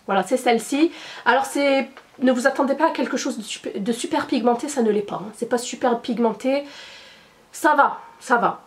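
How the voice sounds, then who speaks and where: A woman's voice: high-pitched, a little fast. A woman chatting casually to her followers as a beauty and lifestyle vlogger. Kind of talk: casual vlog chat to followers.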